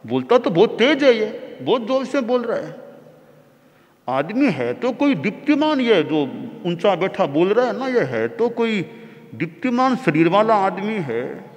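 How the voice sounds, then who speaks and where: A man's voice: high voice, sing-song, measured pace, voice pushed up. A man voicing a proud, skeptical atheist king who questions others with scorn and emphatic repetition. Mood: scornful. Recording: long reverb of a large hall.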